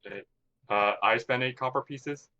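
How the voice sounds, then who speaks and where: A man playing in a tabletop game, talking casually in a halting, hesitant way. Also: medium pitch, sharp tone, dull audio. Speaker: player. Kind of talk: casual play chat.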